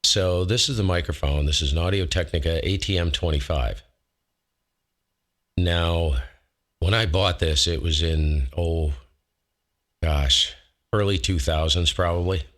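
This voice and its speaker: On a close dynamic studio mic in his home shack, a man with a low, fairly bright voice hosts a ham radio show and casually walks through a microphone demo. He speaks at a measured pace with long pauses, rambling folksily and correcting himself.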